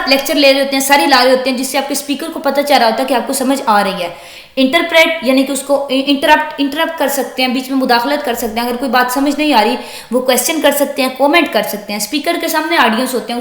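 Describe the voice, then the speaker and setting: High-voiced woman lecturing. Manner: reads English lines slowly then explains them at length, patient and repetitive. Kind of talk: recorded online lecture. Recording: echoey room.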